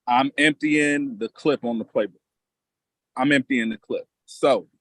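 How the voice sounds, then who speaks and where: A man's voice: mid-range voice, dry recording, rough recording. A man with coaching experience breaking down basketball on a casual podcast, talking emphatically and confidently and repeating lines for effect.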